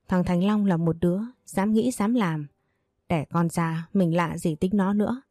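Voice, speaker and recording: A woman narrating a romance story aloud in a steady storytelling read. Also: fairly low pitch, dry recording, clean studio sound. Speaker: audiobook narrator.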